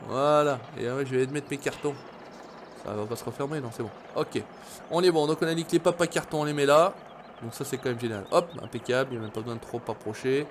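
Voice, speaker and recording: A man's voice: mid-range voice, a little hiss or hum. A man casually commentating a farming game, chatty, swearing now and then, and talking straight to his viewers. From France. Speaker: gaming video host.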